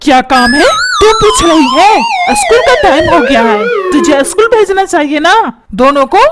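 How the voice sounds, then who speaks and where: A woman's voice: extremely high pitch, huge pitch swings, a little slow, heavy background noise, heavily acted. A woman voicing a grumpy, put-upon old husband and father who scolds and complains. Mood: scolding. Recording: music playing behind.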